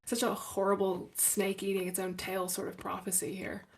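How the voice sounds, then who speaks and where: A woman's voice: medium pitch, monotone, moderate pace. A woman with a mid-range voice co-hosting a podcast in casual chat. She speaks bluntly and puts weight on her points. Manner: blunt, emphatic. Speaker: podcast co-host.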